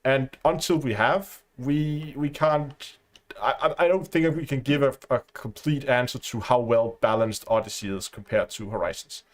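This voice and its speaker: A man's voice: mid-range voice, moderate pace. A man speaking as a panelist in a live casual roundtable, thinking aloud with many restarts.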